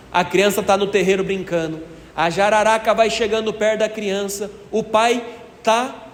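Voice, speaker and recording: Folksy priest, high voice, echoey hall. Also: male voice. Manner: folksy storytelling, asks the congregation questions. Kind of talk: sermon. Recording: echoey hall reverb, faint ambience.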